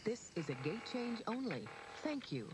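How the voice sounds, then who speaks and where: A woman voicing a spaceport gate announcer, speaking calmly and formally in public address announcements that follow a chime. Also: a little high, background noise. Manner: calm, formal, measured delivery. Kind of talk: scripted terminal announcements.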